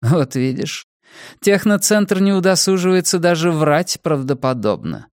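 A man's voice: on the high side, lively intonation, a little slow, a little mellow, no echo, pitched above the performer's own voice. A man voicing a commanding older woman politician who speaks with cold, dry irony. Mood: cold, ironic. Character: aging female political leader, cool and ironic.

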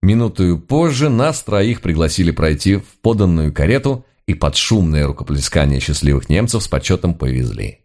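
Deep-voiced man, ironic narration. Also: sing-song, moderate pace, hardly any pauses, darkish tone. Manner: dry, ironic storytelling. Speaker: audiobook narrator. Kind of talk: scripted narration of a comic novel.

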